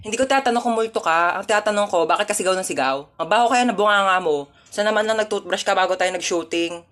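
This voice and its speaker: A woman's voice: mid-range voice, fast, a bit bright. Sassy Filipina woman doing comic skits. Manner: playful, sassy, rambling monologues. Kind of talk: comedic skits.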